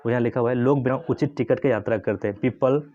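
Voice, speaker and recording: Guy teaching english, slow and repetitive, checks in a lot, kinda muffled lo-fi audio. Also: mid-range voice, dark tone. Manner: slow, repetitive explaining with frequent tag questions. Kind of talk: Hindi-language English lesson.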